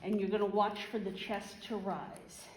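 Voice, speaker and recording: A woman instructor giving an informal hands-on first aid demonstration, explaining step by step and halting as she thinks. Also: medium pitch, flat delivery. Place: large reverberant room. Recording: echoey hall, faint background noise.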